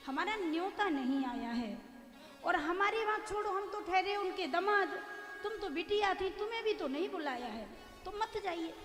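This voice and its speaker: A woman preacher voicing a patient male god who gently warns his wife. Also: very high voice, expressive, moderate pace. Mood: cautioning. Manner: gently warning, sorrowful. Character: calm wise male god, patient husband. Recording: echoey hall with music.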